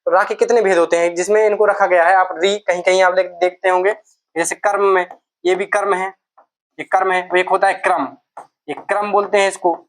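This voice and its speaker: A woman's voice: mid-range voice, flat delivery, fairly quick. A woman teaching a Hindi grammar lesson for exam preparation, explaining step by step, asking questions and answering them herself, and repeating key terms.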